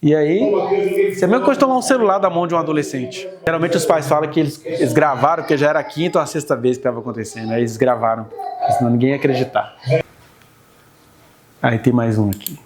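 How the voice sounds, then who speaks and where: With a crowd in the background, a preacher speaks fast in a fairly high voice, explaining things conversationally to a church class and frequently drawing in the audience with tag questions.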